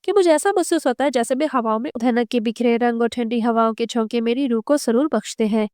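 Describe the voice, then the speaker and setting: A woman's voice: fairly high pitch, fairly quick, a little mellow, clean tone, no echo, studio quality, lightly acted. A woman reading the part of an affectionate young husband and father who teases his wife in playful, flowery words. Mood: teasing.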